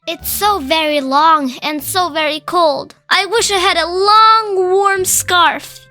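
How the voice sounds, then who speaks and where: A woman voicing a sad, cold giraffe in a storybook, whimpering in a high, plaintive voice. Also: fairly even intonation, slow pace, pushed and bright, full character voice. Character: sad shivering giraffe, female, small-voiced. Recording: faint music behind.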